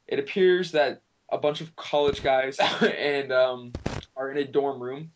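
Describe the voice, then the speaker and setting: A man's voice: medium pitch, steady tone, unhurried, slight background noise, rough recording. A young man co-hosting a casual podcast among friends. His voice sits in an ordinary middle range, and he tells stories in a loose, rambling way, laughing often as he goes. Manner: giggly, rambling storyteller. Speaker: podcast co-host. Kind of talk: casual chat.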